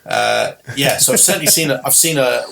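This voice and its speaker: A man's voice: medium pitch, lively intonation, fairly quick, vocal fry, sharp tone, slight background noise. A man appearing as a podcast guest, telling jokey anecdotes in a casual, storytelling way. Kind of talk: casual interview chat.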